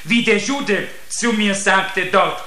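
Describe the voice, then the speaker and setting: Earnest male preacher delivering a sermon, slow and deliberate, roomy sound. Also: high-pitched, bright, forceful tone. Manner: earnest, addresses listeners with repeated "seht". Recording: echoey room.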